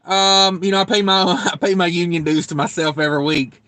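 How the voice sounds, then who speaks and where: A young man with a high, bright voice rambles through a casual live stream from his truck cab. He jokes freely and reads viewer comments aloud. The sound is dry and close, with no room echo. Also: fairly even intonation, a little fast. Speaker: trucker livestream host.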